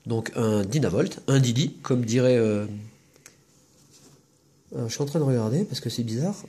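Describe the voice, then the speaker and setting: A man's voice: medium pitch, warm tone, breathy edge. A man hosting a casual video, chatting as he lists each trading card he opens and comments on it. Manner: chatty, listing cards with quick comments. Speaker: host opening trading card packs.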